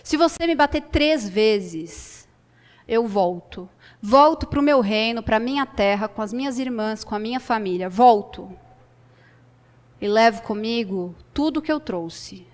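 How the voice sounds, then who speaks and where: A woman telling of a calm, defiant lake wife. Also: fairly high pitch, a little slow, big-room sound. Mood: firm.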